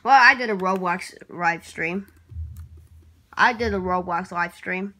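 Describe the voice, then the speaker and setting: A woman vlogging casually in a hesitant, rambling way, restarting her words, clearing her throat and apologizing often. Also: on the low side, a little slow, sharp tone. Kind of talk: casual vlog talk while working at a computer.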